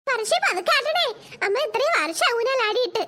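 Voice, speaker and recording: A woman's voice: extremely high pitch, big pitch swings, a little fast, sharp tone, full character voice. A woman voicing a bickering young wife and mother in a cartoon, nagging and teasing. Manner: nagging, embarrassed. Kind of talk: cartoon voice acting.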